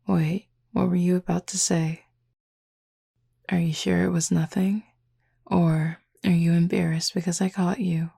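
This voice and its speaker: With a rough, husky voice, a woman takes the role of a bold, flirty female werewolf in intimate audio roleplay, drawling teasingly and issuing playful orders. She speaks lowish and unhurried, with little rise or fall in pitch, a warm tone, and a heavily acted style.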